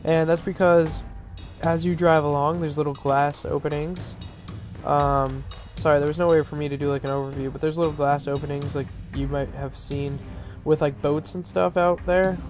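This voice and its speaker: This map reviewer's voice is fairly high, nasal, and stuffy, with a darkish tone, fairly even intonation, and moderate speed. He comments loosely on gameplay, filling gaps with filler words, starting over, and correcting himself, while faint music sits underneath.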